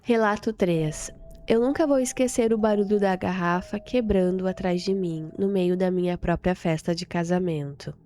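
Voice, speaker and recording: A woman narrating a first-person horror story in a slow, suspenseful way. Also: on the low side, fairly even intonation, dark tone, a little hiss or hum.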